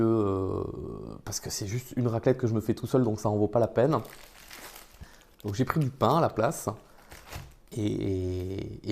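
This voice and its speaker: A man's voice: lowish voice, a little mellow, slight background noise. Chatty French man streaming live. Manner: chatty and improvised, talks to his chat. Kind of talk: casual live stream chat. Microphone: phone.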